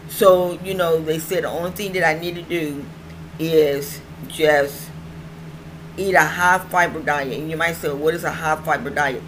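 A woman's voice: low-pitched, a bit bright. A middle-aged woman with toothless, slightly slurred speech, chatting casually and ramblingly as she hosts her own online show, often repeating phrases for emphasis. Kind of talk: casual vlog chat. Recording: clearly noisy home recording.

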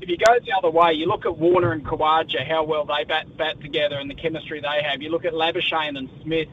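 Muffled, higher-voiced Australian man talking sport. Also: fast. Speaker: sports correspondent. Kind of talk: live radio sports interview chat. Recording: muffled, low-fi line with faint noise.

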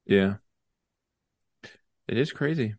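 A young man co-hosting a podcast, chatting casually and teasing his co-host with quick interjections. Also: fairly low pitch, expressive, creaky, a little mellow, dry recording, studio quality. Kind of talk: casual chat.

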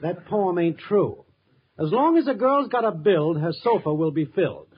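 An actor playing a cocky, self-centred boyfriend in an old radio sitcom, with brash wisecracking slang. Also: male voice, sits high, expressive, moderate pace. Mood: smooth-talking. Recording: dull, hissy old radio recording.

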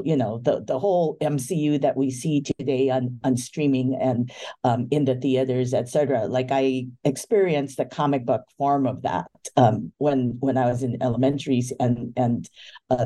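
A woman's voice: a bass voice, warm tone. A woman in her fifties from Hawaii, a book editor talking as a guest in an interview, thoughtful with many fillers. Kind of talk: casual interview talk.

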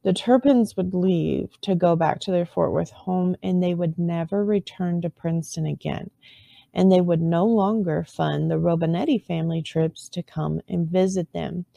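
A woman with a low, gravelly voice tells a true crime story in a loose, conversational way, breaking off for wry asides and correcting herself as she goes. Her tone is dark and mellow, and the recording is close and dry with no room sound. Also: moderate pace, no room sound.

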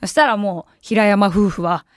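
A woman's voice: medium pitch, steady tone, moderate pace. A young woman hosting a radio show, telling a story in a casual, chatty way and acting out the voices of people she quotes. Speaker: radio personality. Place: radio studio.

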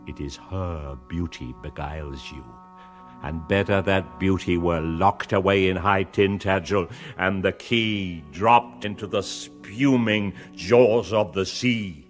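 An actor playing a grave, brooding wizard and prophet in a poetic audio drama, with a solemn, incantatory, measured delivery. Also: male voice, low voice, soft background music. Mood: grave warning.

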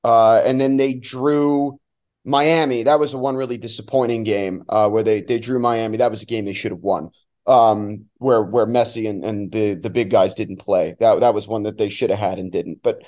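An American man from New Jersey, a radio play-by-play announcer appearing as a guest, offers casual sports analysis. His lowish, slightly mellow voice keeps a fairly even intonation at a moderate pace, and he often restarts words while thinking aloud.

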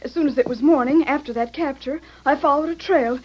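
Woman acting earnest young western heroine, American accent, very high voice, breathless, anxious, radio melodrama, muffled recording. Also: a little fast, lightly acted. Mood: remorseful. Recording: dull vintage radio recording.

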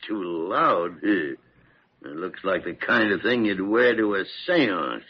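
An actor playing a gruff, irascible older doctor in an old-time American radio drama, husky and gravelly, blustering and repeating himself. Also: male voice, sits low, lively intonation, slow, exaggerated voice. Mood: brusque, playful. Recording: dull, lo-fi vintage radio recording.

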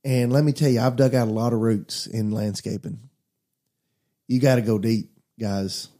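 A man's voice: mid-range voice, steady tone, moderate pace, dark tone. A man, a pastor, talking earnestly about faith in a casual conversation, preaching as he goes. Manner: earnest, preachy, addresses listeners as guys.

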